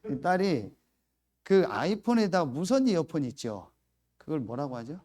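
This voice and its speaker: A man's voice: fairly high pitch, very animated, moderate pace, dark tone. A middle-aged man preaching a sermon as pastor, telling a family story and acting out his own angry outbursts.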